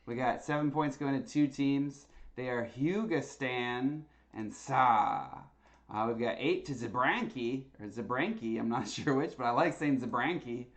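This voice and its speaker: A man casually hosting a live-streamed trivia night, chatty and quick to laugh between answers. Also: medium pitch. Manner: chatty, laughs easily, lots of uh fillers.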